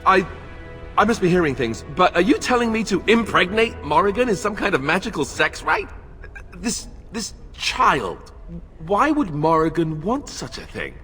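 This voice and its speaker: Bright, wisecracking young king, echoing hall. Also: high-pitched, very animated, moderate pace, soft background music. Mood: stunned, disbelieving. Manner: sarcastic, joking, exasperated. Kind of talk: dramatic fantasy game dialogue. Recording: long reverberant hall echo.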